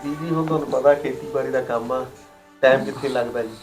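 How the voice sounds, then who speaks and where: A man's voice: mid-range voice, steady tone, fast, faint music behind, natural voice. An actor playing a retired army man visiting his in-laws, polite at first and then insistent on getting answers. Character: retired army man, son-in-law, firm and probing. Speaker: actor in a family drama. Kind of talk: village family drama acting.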